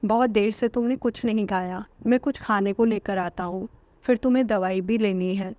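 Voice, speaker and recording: A woman's voice: mid-range voice, moderate pace, a little mellow, dry recording, close to an everyday voice. A woman voicing a possessive, short-tempered young husband in a storybook narration, in her own everyday voice. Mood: pleading.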